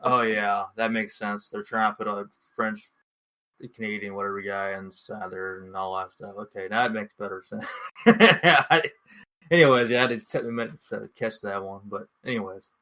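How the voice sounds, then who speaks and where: A man's voice: fairly low pitch, steady tone, moderate pace, pushed and bright, rough recording. Easygoing, laughing man on a podcast. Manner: easygoing, hesitant, laughs easily. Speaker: podcast co-host. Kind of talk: casual podcast chat.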